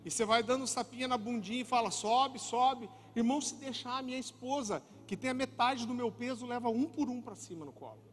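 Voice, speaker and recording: High-voiced male pastor, church reverb. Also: fast, hardly any pauses, slight background noise. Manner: animated, joking storyteller, often calls the audience brother; turns soft and hushed near the end. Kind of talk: sermon. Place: church hall. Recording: reverberant church hall with music.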